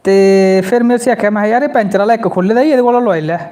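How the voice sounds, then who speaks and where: A man's voice: sits high, fast talker. A man with a Dogri accent from Jammu, telling a comic story on a live stream and reading out viewer comments. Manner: animated storyteller, bursts into quoted voices. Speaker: comedy channel host.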